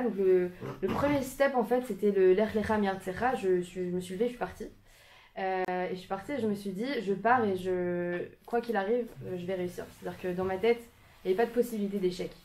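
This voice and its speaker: A young woman the gives a relaxed, informal talk to a small group in a community room. Her pitch is average for a woman. She hesitates often, restarts her sentences and breaks into shy little laughs. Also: brisk. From France, Paris suburbs. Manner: hesitant, many fillers and restarts, self-conscious laughter. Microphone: filmed by a camera.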